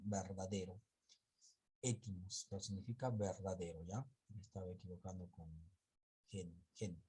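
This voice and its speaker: A man teaching an online class, lecturing slowly and haltingly, often stopping to correct himself. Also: on the low side, mellow, slightly rough.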